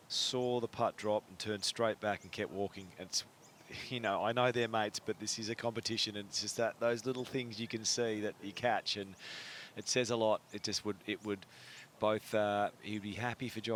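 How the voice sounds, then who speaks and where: Low-voiced man commentating on golf. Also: a bit bright, a little hiss or hum. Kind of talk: live golf commentary, conversational analysis.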